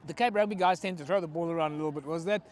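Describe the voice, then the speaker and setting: A man doing upbeat, jokey pitchside interviews at a rugby ground. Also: racing, a little mellow, a little hiss or hum. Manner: upbeat, jokey, addresses viewers as folks. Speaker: field reporter.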